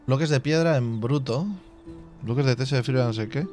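A man's voice: medium pitch, a little fast, darkish tone, faint music behind. Chatty man thinking aloud over a game. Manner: thinks aloud, reading game menus half to himself; chatty asides to viewers with filler tags like "tío". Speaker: gaming channel host. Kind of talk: casual let's play commentary.

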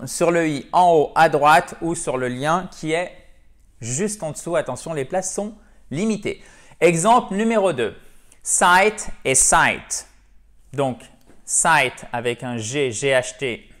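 A French-speaking man with a French accent, teaching English in a chatty online lesson, explaining in French and saying English examples slowly. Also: fairly high pitch.

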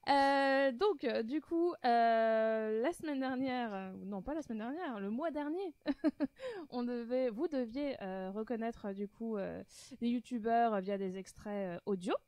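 A woman's voice: a little high, animated, normal speed, mellow, no room sound. A woman co-hosting a casual stream chat, hesitant and full of fillers, laughing easily. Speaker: stream co-host.

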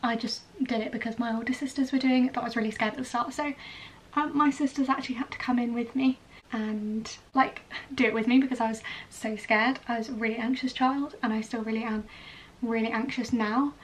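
In a small indoor bedroom, a young woman from Wales, a vlogger and ballet dancer in training, talks to camera while getting ready. She speaks fairly quickly with a fairly high pitch and fairly even intonation, and the slightly distant mic captures a clearly noisy room.

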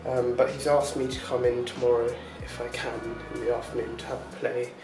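This vlogger talks a little fast in a level, mid-range voice, chatty and rambling with lots of ums, fillers and quick laughs as he addresses his audience in a casual daily chat. He sounds roomy and far from the mic, speaking over music.

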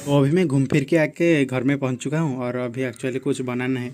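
Filming on a handheld phone held at arm's length, a young man from Odisha whose first language is Odia vlogs about his day at a small village shop and outside. His medium-pitched voice moves at a normal speed, flat and steady, as he rambles easily with many fillers over faint background noise.

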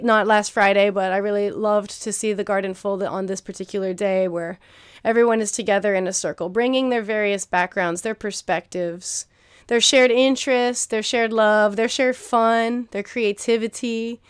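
A young woman, somewhat high-pitched, speaks earnestly and warmly encouraging to her listeners, repeating phrases to drive them home. Her voice is smooth and resonant. The recording is dry and close, made at home on a computer mic. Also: no room sound. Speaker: keynote speaker, garden teacher. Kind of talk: recorded keynote talk. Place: indoor room at home, video recording.

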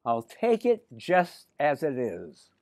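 An older man voicing a polite, dreamy little girl shopping for a hat in a storybook, his voice raised high and sweet. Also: huge pitch swings, takes it slowly, a little mellow, no room sound, clean studio sound.

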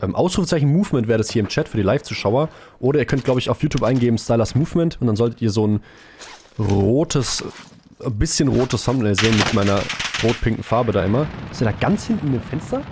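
Excitable young male game streamer. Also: medium pitch, fast, noisy background. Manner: casual, slangy, excitable, talks to chat. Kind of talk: live game commentary.

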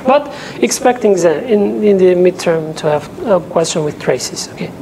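Speaking English as a second language, a young teaching assistant explains material step by step in a lecture room with a projector and whiteboard, frequently pausing with "okay?" to make sure students keep up. He has an expressive, high-pitched voice with a dark tone and an unhurried delivery. He's recorded on a lapel mic, and the audio is poor, with slight background noise.

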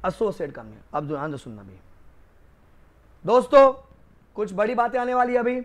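Male law tutor, Rajasthani Hindi accent, high voice, chatty classroom storyteller. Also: very animated, moderate pace. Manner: chatty, joking, addresses students as kids. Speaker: law lecturer for accountancy students. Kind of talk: casual classroom lecture with stories. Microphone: new microphone.

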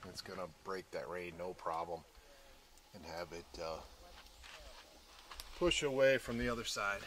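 A man's voice: low voice, unhurried, fairly bright tone, slight background noise. A man giving a casual outdoor walkaround, explaining trailer gear step by step at a wooded campground. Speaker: trailer review vlogger.

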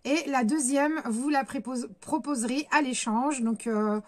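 A woman's voice: high-pitched, a little slow. A woman hosting her own scrapbooking channel, explaining a new craft format in a casual tutorial, full of hesitations and self-corrections. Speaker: scrapbooking YouTuber.

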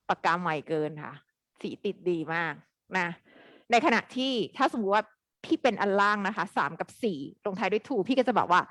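A woman teaching an English grammar lesson live online, quizzing her students in a lively way. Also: mid-range voice, dry recording.

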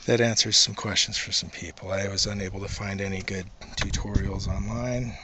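Male DIY vlogger, lowish voice, unhurried halting delivery, heavy background noise. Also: steady tone. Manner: slow, halting, with pauses and fillers. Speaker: DIY video maker. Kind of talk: casual how-to demonstration. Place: outdoors at night under a truck. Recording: loud noise behind the voice.

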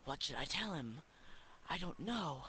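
A man's voice: a little high, big pitch swings, measured pace, sharp tone, slight background noise, heavily acted, low-quality recording. A man voicing a timid farmhand potato. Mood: fretful. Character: meek put-upon male potato farmhand.

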